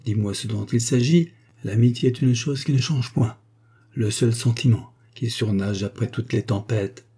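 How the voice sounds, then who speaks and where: A man's voice: medium pitch, moderate pace, mellow, husky. A man voicing a scheming former notary clerk turned fixer, jovial and fond of saying "mon bon". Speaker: character in an audiobook.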